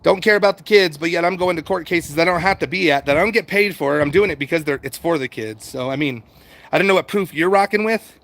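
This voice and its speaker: This middle-aged American livestream host talks fast in a fairly high, gravelly, slightly bright voice. Reading and replying to chat comments, he rambles, circles back to his points and swears casually in an unscripted, conversational style.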